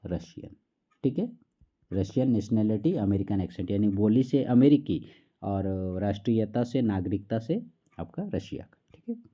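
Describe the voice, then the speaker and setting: Male teacher, low mellow voice, slow question reading, dull lo-fi audio. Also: big pitch swings. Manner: repeats "theek hai" often, reads questions slowly. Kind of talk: explaining a class quiz.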